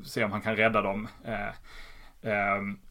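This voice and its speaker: A man's voice: lowish voice, completely flat delivery, bright, forceful tone. A man who animatedly retells the plot of a comic in a casual chat, often laughing as he goes. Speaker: podcast host. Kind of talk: casual comic book recap.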